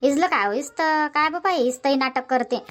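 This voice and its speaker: In a dubbed cartoon comedy, a woman voices a nagging old village grandmother who bosses her husband around, bickering and firing back quick comebacks in a Varhadi Marathi accent. Her voice is high, light and a bit bright, with a little hiss or hum.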